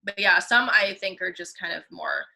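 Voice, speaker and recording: A woman's voice: fairly low pitch, moderate pace, gravelly, bright, forceful tone, low-quality recording. A young woman who teaches ballet, chatting casually and easily, with lots of filler words. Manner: chatty, filler-heavy, laughs often. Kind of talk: casual chat.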